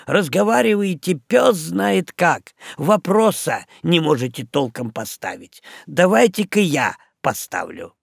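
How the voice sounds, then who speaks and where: A bossy ship's navigator with a voice pitched well above a plain speaking voice, as a man puts him on for a storybook. He talks in a lively, lecturing way, swinging his pitch widely. The sound is close and dry. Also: a little slow, creaky, hardly any pauses, breathy edge, no echo, full character voice.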